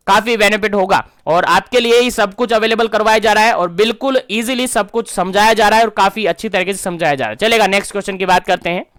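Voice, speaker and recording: A man's voice: high-pitched, sharp tone, clear, resonant tone, dry recording, studio quality. A young man teaching an online nursing exam-prep class, emphatic, repeating key answers back as quiz questions.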